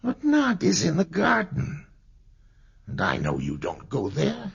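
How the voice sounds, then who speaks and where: Brave young mongoose hero, high, husky and eager for old-time radio. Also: male voice, wildly swooping pitch, unhurried, dull audio, exaggerated voice. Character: brave young male mongoose, bold and quick.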